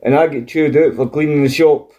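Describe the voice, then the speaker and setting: A man's voice: a little high, steady tone, a little fast, warm tone. A man with a broad Scottish accent chatting casually and telling stories in a coarse, sweary, colloquial way. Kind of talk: casual chat, animated storytelling.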